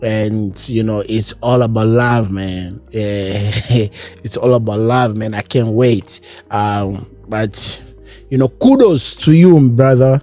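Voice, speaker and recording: Soft music plays behind a male podcast host whose voice is lowish, mellow, and slow-paced. He responds to an interview in a relaxed yet emphatic manner, repeating himself and constantly calling people "bro."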